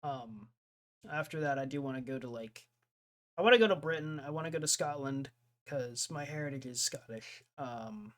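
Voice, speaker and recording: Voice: mid-range voice, normal speed, fairly bright tone. Rambling young streamer, laughing often. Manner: rambling, jumps between topics, laughs often. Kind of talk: casual chat with live viewers.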